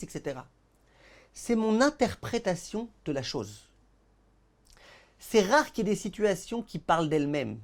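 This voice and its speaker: Animated rabbi teaching a lesson. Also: male voice, high-pitched. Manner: animated storyteller, acts out dialogues; addresses the audience directly. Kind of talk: Torah lesson.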